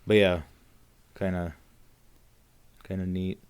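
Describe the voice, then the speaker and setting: A man's voice: deep voice, flat delivery, takes it slowly, clear, resonant tone. A man from Michigan's Peninsula, co-hosting a casual podcast and rambling with many fillers and restarts. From Upper Peninsula of Michigan. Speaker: podcast co-host. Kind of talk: casual chat.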